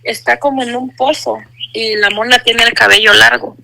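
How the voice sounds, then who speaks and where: A woman gives an earnest personal religious testimony, repeating phrases for emphasis. Her voice sits a little high and sounds strikingly bright and sharp, with a gravelly edge. The sound is dry and close. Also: steady tone, normal speed, low-quality recording. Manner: addresses listener as brother. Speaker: testimony speaker.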